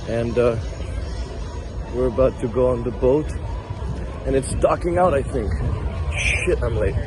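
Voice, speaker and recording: Slightly hoarse man vlogging. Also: medium pitch, expressive, a little slow, music in the background, low-quality recording. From Russia. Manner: upbeat, rambling, swears casually. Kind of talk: casual walk-and-talk vlog. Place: outdoors on busy city streets and a marina.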